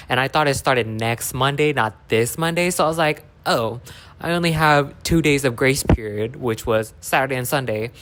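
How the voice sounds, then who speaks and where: A woman's voice: sits low, fairly bright tone, a little hiss or hum. A young adult woman hosting a casual, chatty podcast at home, rambling and interrupting herself with lots of slang in an echoey room. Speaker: podcast host. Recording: echoey, sparsely furnished room.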